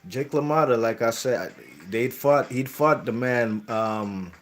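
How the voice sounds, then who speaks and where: A man's voice: medium pitch, takes it slowly. A man hosting a boxing channel, talking casually about boxing history in a rambling way, correcting himself and tagging lines with "you know what I mean".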